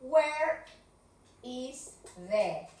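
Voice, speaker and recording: A woman's voice: sits high, sing-song, a little mellow. A woman with a Rioplatense Spanish accent, teaching an English video class to children, mixing English and Spanish, encouraging and repeating words with frequent checks for understanding. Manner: switches between English and Spanish, slow and drawn-out for the children. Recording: echoey room with faint background hiss, from a distance.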